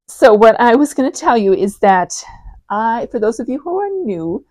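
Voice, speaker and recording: A woman's voice: medium pitch, darkish tone, no echo. A woman in her forties hosting a knitting podcast, chatting casually with frequent ums and restarts. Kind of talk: casual show-and-tell chat.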